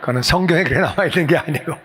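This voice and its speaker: A male pastor preaching a sermon in a church, animated and acting out dialogue with a raised voice. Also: a little high, racing, slightly rough. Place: church sanctuary. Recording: reverberant church hall.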